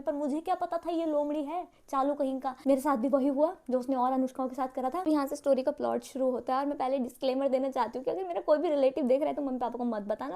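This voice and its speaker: Brief: young woman vlogger, high voice, rapid dramatic self-mocking storytelling. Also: dark tone. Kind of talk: casual storytime vlog.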